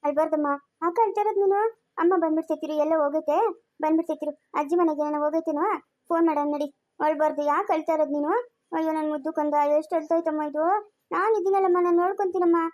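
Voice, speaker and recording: A woman's voice: very high-pitched, steady tone, racing, a little mellow, muffled recording. A woman playing a fretful village grandmother who scolds and coaxes, speaking with a Chikkaballapur Kannada accent. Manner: anxious, scolding, coaxing. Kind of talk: village family drama.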